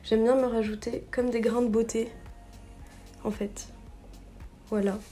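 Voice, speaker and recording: A woman's voice: on the high side, little pitch movement, unhurried, mellow, faint music behind. A young woman narrating her makeup step by step in a casual vlog, chatty and full of little fillers and self-corrections. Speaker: beauty vlogger.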